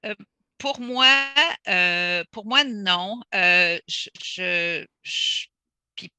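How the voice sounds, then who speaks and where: A woman speaking as a panelist in a discussion, measured and thoughtful, pausing to search for her words over a video call. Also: lowish voice, sharp tone, clear, resonant tone, dry recording.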